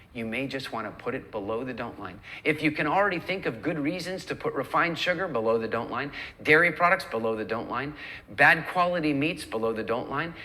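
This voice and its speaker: A man's voice: medium pitch, sharp tone. A man teaching a recorded nutrition coaching lesson in a conversational way, acting out the lines people say. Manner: conversational, acts out quoted lines.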